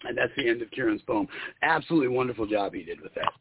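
A man calling in to a radio show over a phone line, talking in an excited, quick, rhythmic way. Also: mid-range voice, vocal fry, background noise. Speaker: radio show caller and poet. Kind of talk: casual on-air chat.

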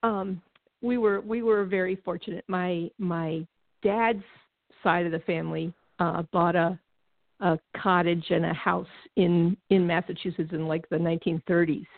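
Calling in as a talk show guest, this former baseball executive from Connecticut is a middle-aged woman who keeps the interview casual and laughs a lot. Her voice sits on the low side with fairly even intonation and an unhurried pace, over a dry, tinny phone line without room sound.

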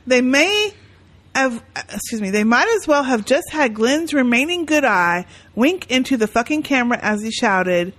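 A woman's voice: a little high, animated, normal speed, a bit bright. A woman co-hosting a podcast, chatting and reading listener emails aloud in a blunt, sarcastic way, swearing freely. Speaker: podcast co-host.

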